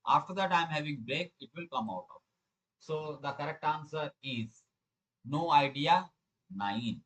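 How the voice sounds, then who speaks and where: Man, Indian accent, middle-aged, slightly high voice, online teacher, repetitive explanatory delivery, questions students. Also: lively intonation, measured pace, fairly bright tone, rough recording. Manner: repeats phrases for emphasis, questioning students. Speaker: programming teacher. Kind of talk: live online lesson, explaining quiz questions.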